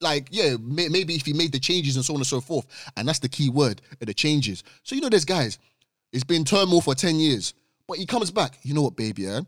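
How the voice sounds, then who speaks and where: A man's voice: on the high side, lively intonation, moderate pace, dry recording, studio quality. A young man with an urban London roadman accent, chatting casually in a group discussion and repeating phrases for emphasis. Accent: London, urban roadman slang.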